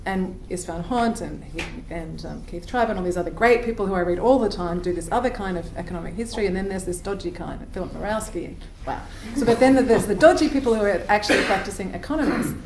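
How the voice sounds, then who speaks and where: A woman's voice: mid-range voice, expressive, quick pace, hardly any pauses, a little mellow. Woman panelist in an echoey hall. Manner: thoughtful, wry, argues with rhetorical questions. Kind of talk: academic panel discussion. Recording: echoey hall with faint noise.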